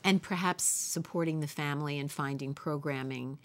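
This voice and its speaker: Low-voiced woman interviewer. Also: normal speed. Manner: searching, rambling questions. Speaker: interviewer host. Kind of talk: interview questions.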